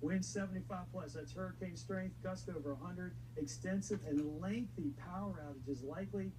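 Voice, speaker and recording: A man's voice: high-pitched, moderate pace. A man giving a live TV weather forecast in a grave, conversational way. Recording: TV sound re-recorded distantly with hum.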